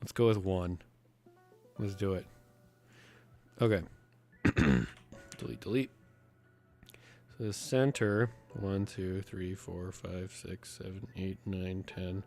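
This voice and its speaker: Slow, low-voiced man with a sick voice. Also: steady tone, darkish tone, faint music behind. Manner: thinks aloud, counts under his breath, muttering. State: sick, rough voice. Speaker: streamer and host. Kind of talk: casual live-stream chat while building a map.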